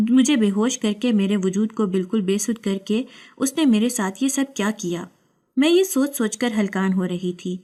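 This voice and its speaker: A woman tells a first-person story in a scripted, dramatic style, like a reading on a storytelling channel. Her mid-pitched voice carries a dark tone and leans heavily into emotion.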